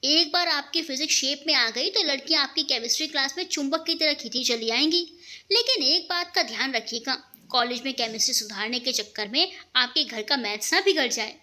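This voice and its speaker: A woman voicing a calm, quick-witted young male lecturer with a dry wit. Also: high-pitched. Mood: witty. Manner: dry, witty.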